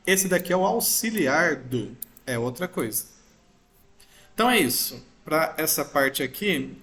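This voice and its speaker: A man's voice: on the high side, animated, measured pace, fairly bright tone. A man teaching a grammar lesson, patiently explaining step by step and checking in with his listeners often. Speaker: English teacher. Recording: roomy echo.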